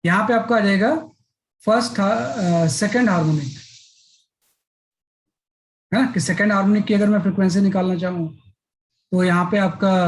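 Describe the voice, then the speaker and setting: Physics teacher explaining step by step. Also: male voice, high voice, slight background noise, rough recording. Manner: explains step by step, repeats filler "है ना". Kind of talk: classroom lecture.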